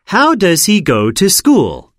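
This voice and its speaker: A woman reading textbook dialogue questions for a listening test, slowly and carefully enunciated for learners. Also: medium pitch, huge pitch swings, dry recording, studio quality.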